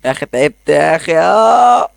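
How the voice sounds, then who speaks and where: A young man with an Egyptian accent giving excitable, rambling commentary as he plays a game in his bedroom. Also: medium pitch, no echo. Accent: Egyptian Arabic. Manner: excitable, rambling, quick asides. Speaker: gaming YouTuber. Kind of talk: casual gameplay commentary.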